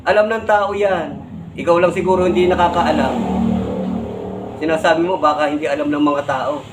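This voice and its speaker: A man's voice: on the high side, fairly even intonation, normal speed, very noisy. A man with a Filipino accent, a vlogger scolding another vlogger as he explains, ending his points with tag questions. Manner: lecturing, repeats "no?" and "di ba?" as tags.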